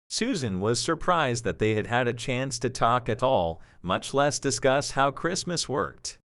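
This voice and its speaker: For an audio drama, a man narrates with measured storytelling and lively pitch movement in the mid register. There is no room sound at all, leaving the audio very dry.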